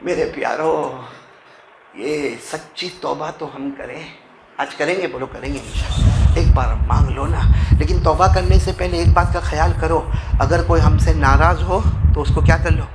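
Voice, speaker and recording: A man preaching a storytelling sermon to a mosque gathering, moving from hushed narration to shouted, dramatic climaxes and joking with his listeners. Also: a little high, very noisy. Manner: jokes and chides the audience directly.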